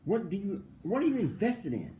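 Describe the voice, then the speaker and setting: A male philosophy professor with a high-sitting, mellow voice and big pitch swings answers an interviewer conversationally at normal speed. He laughs often, asks mocking rhetorical questions and repeats points for emphasis, with a little hiss or hum in the audio.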